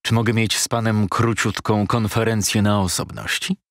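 A man's voice: fairly low pitch, steady tone, normal speed, dry recording, clean studio sound, natural voice. A man putting on a sly, fawning shabby lawyer. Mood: wheedling. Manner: wheedling, sugary, pushy. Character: shabby fawning male lawyer, middle-aged, sly haggler.

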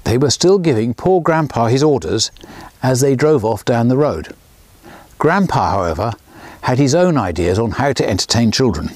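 Beside a small railway outdoors, a man in his sixties reads aloud from a storybook he wrote for children. He tells it with energy at a moderate pace, lifting his voice whenever a character speaks. The recording is dry.

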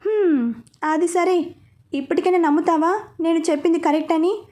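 A woman's voice: very high voice, moderate pace, a little mellow. A woman reading as a teasing middle-aged father.

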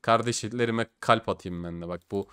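A young man giving excited, slangy commentary as a case-opening streamer, swinging between loud hype and grumbling. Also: on the low side, moderate pace, clean tone.

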